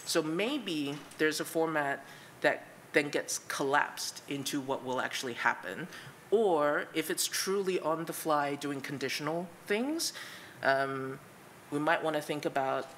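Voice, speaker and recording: A woman's voice: deep voice, animated, unhurried, a little hiss or hum. A woman speaker answering audience questions at a conference, thoughtful and hedging with fillers.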